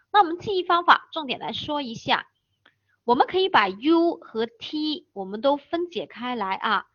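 A woman teaching English vocabulary, slowly spelling words letter by letter and repeating key terms. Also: sits high, a bit bright, no room sound. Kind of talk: vocabulary lesson. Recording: dull, dry close recording.

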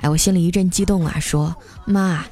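Over a music bed, a young woman podcast host shares humorous stories from everyday life, laughing, playful, and acting out her family's voices. Her lowish voice is warm and steady in tone, and she talks fast.

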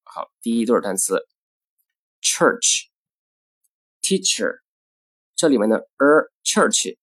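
A man teaching English pronunciation in a recorded lesson. He works through the rules step by step, using filler particles, and models English example words in a measured way. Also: medium pitch, expressive, fairly bright tone, no echo.

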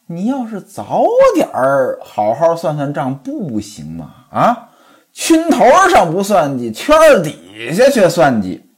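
A storyteller voicing a sharp-tongued young wife who scolds her husband at length in a raised, indignant voice. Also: medium pitch, huge pitch swings, slow pace, breathy edge, heavily acted. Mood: scolding. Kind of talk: traditional storytelling voice.

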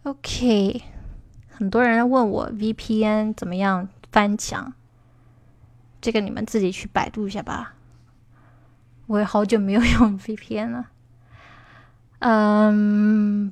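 A woman teaching on a livestream in a chatty, emphatic way, answering viewer questions as she goes. Her voice sits at a middle pitch. The sound is dry and close, with no room in it. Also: no echo. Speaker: English speaking teacher.

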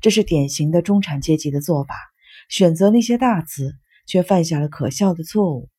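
A woman reads a nonfiction text aloud in a low, slightly breathy voice with a mellow, warm tone. She keeps a steady, measured pace, and the recording is close and dry, with no room sound. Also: no echo. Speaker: audiobook narrator. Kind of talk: scripted nonfiction narration.

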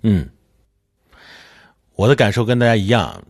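A man playing a glib television news anchor with smooth announcer delivery, in an audio drama. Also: on the low side, lively intonation, measured pace. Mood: announcing.

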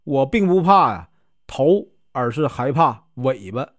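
A man voicing an excitable young male scholar in a storybook tale, with a Northeastern Mandarin accent. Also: mid-range voice, slow, dry recording, clean studio sound. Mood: eager.

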